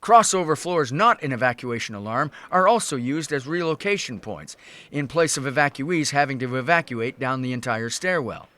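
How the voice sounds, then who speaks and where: A man reading scripted safety instructions as a narrator, in a measured, instructive way. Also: medium pitch, lively intonation, fairly bright tone.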